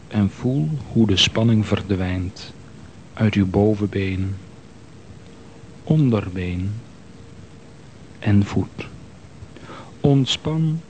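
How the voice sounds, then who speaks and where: A man calmly leading a guided progressive muscle relaxation exercise, giving slow, soothing instructions. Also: on the low side, slight background noise.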